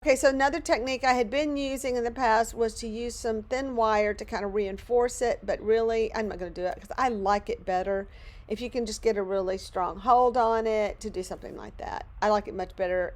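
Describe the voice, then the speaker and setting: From what sounds like a cluttered home studio, a middle-aged craft channel host from Louisiana talks her way through a project, rambling, joking at her own expense and chatting as if among friends. Her mid-range voice is hoarse and worn, on the edge of giving out. The narration is casual.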